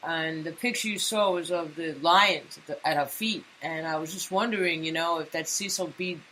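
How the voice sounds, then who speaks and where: Chatty co-host woman, bright and low. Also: moderate pace, slight background noise, low-quality recording. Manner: animated, opinionated, chatty. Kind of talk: casual talk radio banter.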